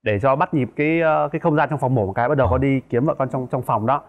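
A man's voice: medium pitch, fast talker, phone-quality sound. A young man, a talk show guest, speaking earnestly and repeating words for emphasis. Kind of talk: casual talk show chat.

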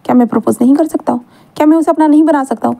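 A cocky young man fires teasing questions at his friend, as a woman reads him. His voice sits high and soft, with a bold, challenging edge. It sounds like an everyday storybook reading. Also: rapid-fire, vocal fry.

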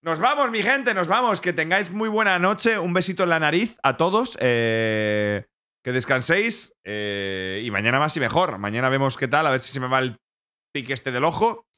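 Man, Spain accent, live streamer, casual chat, jokey, lively pitch. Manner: joking, mock-French and playful switches between languages. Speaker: Twitch streamer.

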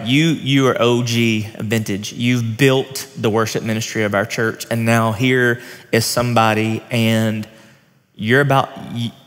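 A man's voice: medium pitch, fairly bright tone. A man in his thirties, a pastor, interviewing a colleague in a friendly, informal way on a church stage with a headset mic. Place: church stage set with armchairs. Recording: long reverb of a large hall.

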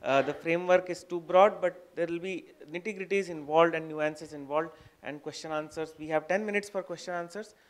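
A man moderating a conference session on a handheld mic in a lecture hall, measured with pauses. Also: fairly high pitch. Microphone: handheld microphone.

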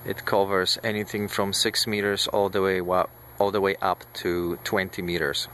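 Guy shooting a shaky phone video in his backyard, deep flat voice, lots of ums and pauses. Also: a little hiss or hum. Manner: unhurried, with many pauses and fillers. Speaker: amateur radio hobbyist. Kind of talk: casual show-and-tell. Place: small backyard, outdoors. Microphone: handheld phone camera, shaky video.

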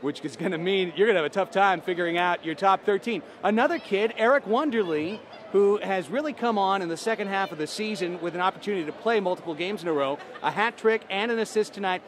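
A high-pitched man reporting from an indoor arena floor after a match. He asks brisk, stat-heavy questions, and faint arena noise hums behind him. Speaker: sports reporter. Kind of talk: postgame field interviews.

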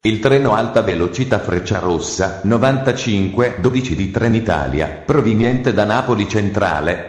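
A man reading formal train station announcements in a measured, even delivery. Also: on the low side, roomy sound.

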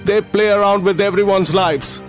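A man voices a distressed schoolteacher who runs a school for poor children, talking in a high, pained voice. He pleads and apologizes with deep emotion. Faint film music plays under this dubbed drama. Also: fairly even intonation, moderate pace, close to an everyday voice. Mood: bitter.

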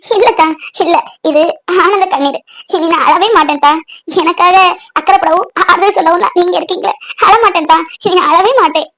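Woman voicing high shy village girl Pavithra. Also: fairly quick. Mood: tearful joy. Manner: soft, shy, emotional. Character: young village woman, orphaned, tender and emotional. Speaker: bride-to-be on the phone.

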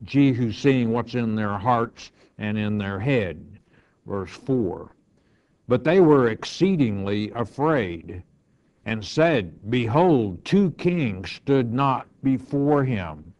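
A man's voice: mid-range voice, expressive, takes it slowly, darkish tone, lo-fi sound. A male pastor teaching verse by verse, reading scripture aloud and then explaining it in plain words.

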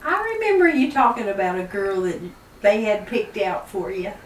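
Woman, soft short replies, lively intonation, roomy off-mic sound, faint background noise. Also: medium pitch, normal speed. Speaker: family member listening.

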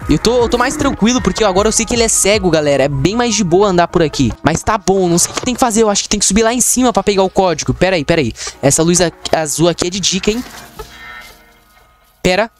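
Young Brazilian man, horror let's play host, swings between hushed mutters and frantic yelps, faint game music behind. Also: high voice, lively intonation, fast talker. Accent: Brazilian Portuguese. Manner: panicky, yelps and repeats words when scared. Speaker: gaming YouTuber.

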